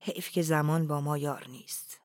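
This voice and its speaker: A reader voicing a polite, smug foreign envoy who speaks in a calm, measured way. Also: no room sound, clean studio sound, natural voice. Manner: smooth, measured, lowered voice.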